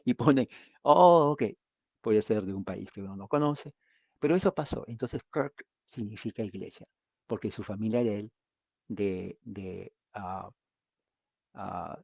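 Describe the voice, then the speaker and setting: Man, preacher, gravelly husky voice, dry close sound, chatty Bible teaching. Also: on the low side, a little mellow, no room sound. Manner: conversational, asks the listeners questions. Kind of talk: Bible study sermon. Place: United States.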